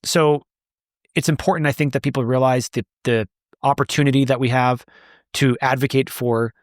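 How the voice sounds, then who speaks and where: This man's mid-range voice stays steady at a normal speed as he responds to interview questions about the advocacy group he founded. He builds his points emphatically, repeating words along the way, in clean studio sound with no room sound.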